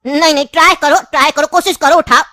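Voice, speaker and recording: A woman's voice: sits high, fairly even intonation, fast, shouting, noisy background, lightly acted. A woman voicing a scheming, insistent old grandfather in a cartoon, speaking with a tinge in a pleading, long-winded way.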